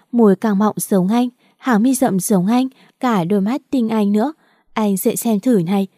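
A woman's voice: medium pitch, dark tone, no room sound, studio quality, natural voice. A woman reading a tearful pleading young mother. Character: young mother pleading at her husband's bedside.

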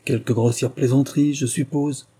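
A man reading an audiobook and voicing a dignified older male baronet with a measured, formal delivery. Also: mid-range voice, steady tone, warm tone, slightly rough, close to an everyday voice. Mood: stern.

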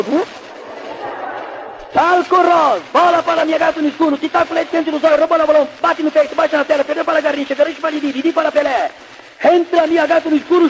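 Man acting a frantic, very high-pitched football commentator. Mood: excited. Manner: tongue-twisting, deadpan nonsense patter. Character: frantic old-time radio football commentator in a comic skit. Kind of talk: rapid-fire comic football commentary. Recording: dull lo-fi radio recording, faint noise.

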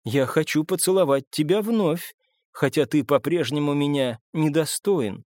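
A man's voice: fairly high pitch, measured pace, no room sound, clean studio sound, natural voice. A man doing a tender, eerie female vampire. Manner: gentle and coaxing.

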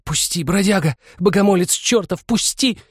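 A man voicing a stern young village woman who scolds sharply and shouts in fright. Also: mid-range voice, animated, brisk, dry recording, clean studio sound, voice pushed up, close to an everyday voice. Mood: frightened.

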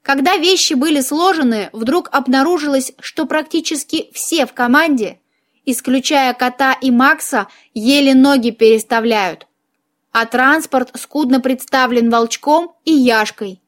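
Чтица юмористического фэнтези, живая и игривая подача, голос довольно высокий. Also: female voice, high voice, measured pace. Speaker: audiobook narrator. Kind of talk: humorous fantasy audiobook narration.

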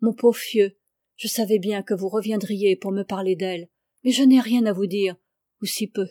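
A woman's voice: mid-range voice, fairly even intonation, moderate pace, dark tone, no echo, clean studio sound, close to an everyday voice. A woman voicing an old village peasant woman who pleads urgently and rises to cries. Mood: gentle.

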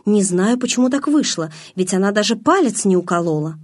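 A nervous, eager teenage boy who sounds shaky and worried, as a woman narrator reads him. The tone is husky and airy at mid pitch. The story is told as an audiobook. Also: lively intonation, a little fast, lightly acted. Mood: anxious. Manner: anxious, shaky.

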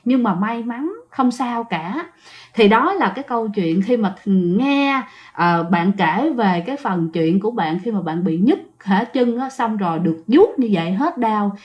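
A woman's voice: medium pitch, lively intonation, measured pace. Chatty woman storyteller. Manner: chatty, addresses listeners directly. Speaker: ghost story narrator. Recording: dull lo-fi recording.

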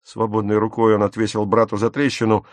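A man narrating an audiobook in a dramatic, expressive reading. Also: lowish voice, brisk, no room sound.

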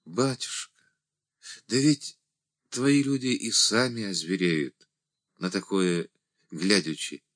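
A man voicing a small, frail, timid old male church deacon who pleads in a high, fretful voice that rises to near cries. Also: steady tone, slow, pauses often, fairly bright tone. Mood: pleading.

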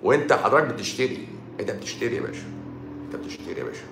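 A man's voice: lowish voice, big pitch swings, racing, gravelly, music in the background. A man with an Egyptian Arabic accent, a doctor hosting a livestream, talking in a sarcastic, scolding way. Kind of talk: casual livestream rant. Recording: roomy echo.

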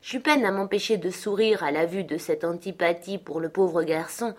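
This audiobook of a classic novel is narrated by a woman whose voice is on the low side, delivered with steady, even pacing.

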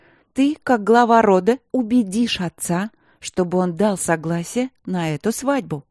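A woman voicing a defiant young princess who forcefully insists on getting her way. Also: mid-range voice, no echo, studio quality, natural voice. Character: defiant young princess, second sister, headstrong.

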